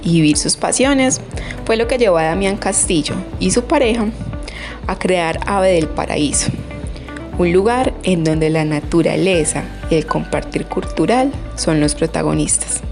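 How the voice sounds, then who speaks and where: A woman's voice: lowish voice, a little slow, gravelly, over music. A woman hosting a community radio interview, asking friendly, prompting questions.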